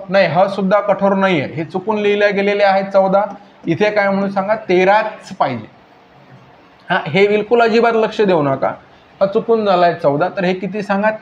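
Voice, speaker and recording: High-voiced man drilling a grammar class. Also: slight background noise. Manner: drilling questions, repeatedly prompting "tell me". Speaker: teacher. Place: classroom with a board. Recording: echoey, dull lo-fi classroom recording.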